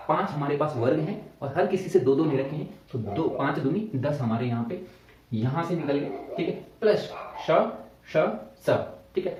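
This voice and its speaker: Slightly high and darkish in tone, a male teacher's voice leads an exam-prep grammar lesson one step at a time. He keeps repeating "ठीक है" and asking students questions in return. The room echoes, the mic sits far off, and there's slight background noise.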